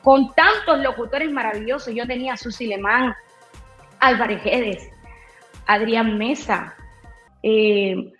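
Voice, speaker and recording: Bold, lively woman in an echoey room. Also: fairly high pitch, slow, long pauses. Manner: bold, lively, acts out quoted dialogue. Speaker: radio announcer, interview guest. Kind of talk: storytelling interview chat. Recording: roomy echo, dull lo-fi sound, faint music.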